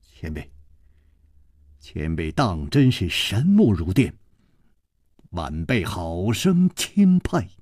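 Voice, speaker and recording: A man doing a respectful, low-voiced young hero. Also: wildly swooping pitch, takes it slowly, pauses often, darkish tone, no room sound, exaggerated voice. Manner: respectful and lowered tone. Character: composed young hero addressing an elder.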